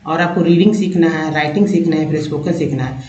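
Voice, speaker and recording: A man with a high voice teaches English pronunciation, sounding out each word piece by piece and repeating it. He calls his viewers friends. The sound is roomy and a little dull. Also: darkish tone. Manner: drills words slowly, repeating each part. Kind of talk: spelling and pronunciation lesson.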